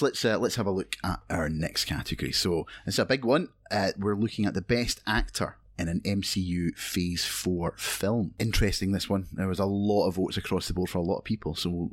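Podcast host guy, lowish voice, chatty and relaxed, dry close sound. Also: husky, dry recording. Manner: relaxed, chatty, hesitant fillers. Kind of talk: casual podcast chat.

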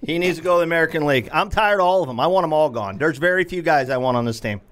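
Fed-up male co-host ranting on a sports talk show; animated, fairly high, keeps repeating his lines. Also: racing. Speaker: podcast co-host.

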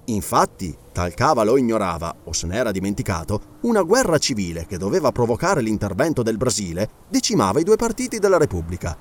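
A man narrating a novel aloud in a measured, expressive storytelling manner. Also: on the low side. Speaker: audiobook narrator.

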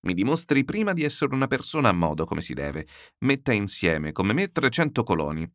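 A man reading an audiobook, voicing a middle-aged male schemer who speaks to a general in an obsequious, flattering way. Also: lowish voice, a little fast, no echo, clean studio sound. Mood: fawning.

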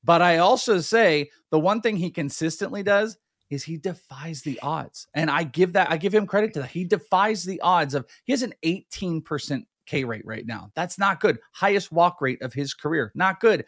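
A man's voice: a little high, moderate pace, dry recording, clean studio sound. A man co-hosting a fantasy baseball podcast in casual chat, making his points emphatically and repeating them. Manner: emphatic, repetitive, animated.

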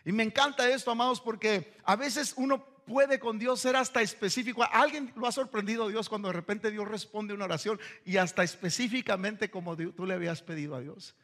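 A male pastor delivers a fervent sermon. His voice sits high and rings bright and forceful. He weaves in anecdotes and laughs now and then. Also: brisk, few pauses.

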